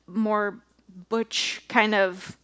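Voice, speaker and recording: A woman's voice: mid-range voice, steady tone, drawn-out words, fairly bright tone, clear, resonant tone, no echo. A young woman co-hosting a casual movie review podcast, chatty, with frequent laughs and fillers. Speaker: podcast co-host.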